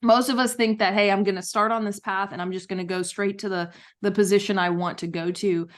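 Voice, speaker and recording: A woman's voice: medium pitch, fairly even intonation, fairly quick. A woman author, a guest on a podcast interview, talking in an enthusiastic, storytelling way. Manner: enthusiastic, storytelling with acted quotes.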